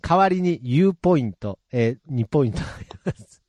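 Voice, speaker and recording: Man, radio co-host reading mail, lively pitch, laughs a lot, dry close mic. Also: moderate pace, no echo. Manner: laughing often, rough teasing retorts. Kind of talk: casual comedy radio banter.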